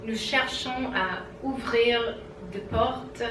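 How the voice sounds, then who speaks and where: Foreign-accented woman speaking slow French, echoey room. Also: fairly high pitch. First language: not French; French is her fourth language. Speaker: pastor, congress speaker. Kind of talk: public talk at an interfaith congress. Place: large room before a seated audience. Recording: echoey room, distant mic, noisy.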